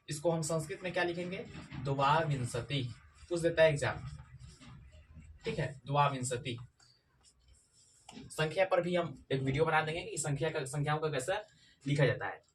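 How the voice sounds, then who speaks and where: A man teaching a grammar lesson, repeating key points and asking his students questions, slowing down to spell out individual sounds. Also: fairly high pitch, far from the mic, a little hiss or hum. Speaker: Sanskrit teacher. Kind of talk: classroom-style grammar lesson.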